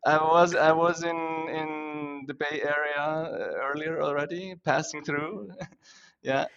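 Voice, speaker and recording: A man's voice: fairly high pitch, fairly even intonation, a little slow, gravelly, highs cut off, a crowd in the background. A man from Switzerland with Swiss German as his first language, a podcast guest who talks with enthusiasm, laughs often and restarts his words. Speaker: guest, company founder. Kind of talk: casual interview.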